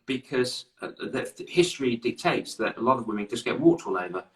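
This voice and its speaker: Upbeat English male host, middle pitch, chatty, slight stutter on restarts. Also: lively intonation, brisk, distant mic. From England. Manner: upbeat, chatty, repeats words. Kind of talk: online interview. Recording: echoey room, away from the mic.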